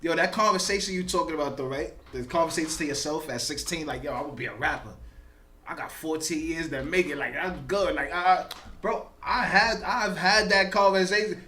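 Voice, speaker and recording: A man in his thirties co-hosting a podcast, talking in casual, joking street slang with lively energy. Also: fairly high pitch, a little fast, a little hiss or hum. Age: 30s. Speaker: podcast co-host. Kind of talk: casual chat.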